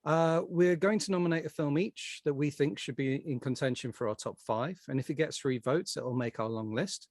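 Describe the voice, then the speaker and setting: A man's voice: fairly high pitch, moderate pace, hardly any pauses, a little mellow, no room sound, clean studio sound. A man hosting a podcast, friendly and orderly as he explains how the show works. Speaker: podcast host.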